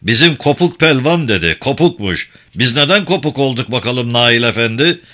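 Guy reading as a proud hotheaded young village tough, bright voice, storybook. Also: mid-range voice, moderate pace, natural voice. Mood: angry. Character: young burly village strongman, hot-tempered and proud.

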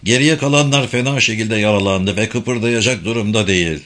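A man's voice: lowish voice, fairly quick, a bit bright, natural voice. A man voicing Hasan, a giant male fighter reporting the dead sadly and wearily. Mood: weary. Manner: sad, weary report.

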